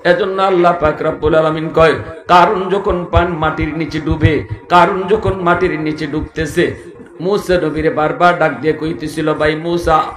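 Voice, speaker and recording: A man preaching a waz sermon, in an impassioned style that soars into high sung cries and calls out to the crowd. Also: fairly even intonation, normal speed, reverberant. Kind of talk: Bengali waz sermon, chanted and sung at peaks.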